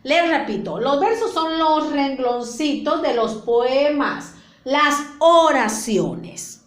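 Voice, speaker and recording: High, lively, echoey Mexican teacher. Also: female voice, slow. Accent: Mexican Spanish. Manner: patient, explains step by step, repeats points with diminutives. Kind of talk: classroom lesson for children.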